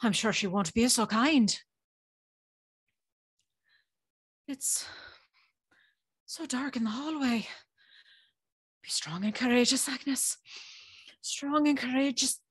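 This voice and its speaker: In an audio drama, an actress plays a timid, curious, polite young servant girl who tells her own story in a hesitant, wondering, nervous way. Her voice is on the high side and breathy, moving slowly with long pauses, recorded in studio quality with no room sound.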